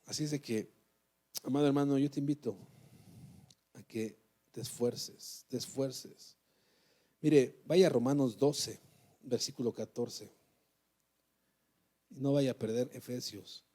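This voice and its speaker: A man's voice: mid-range voice, fairly even intonation, measured pace, long pauses, dark tone. A man preaching a sermon to a church, exhorting and asking the congregation questions. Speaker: pastor.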